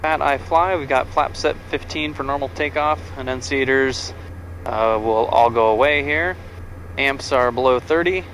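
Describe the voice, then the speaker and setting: A man's voice: mid-range voice, normal speed, a bit bright, rough recording. Matter-of-fact male pilot in a cockpit. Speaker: pilot and presenter. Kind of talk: cockpit checklist commentary. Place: aircraft cockpit. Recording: cockpit audio, faint engine noise.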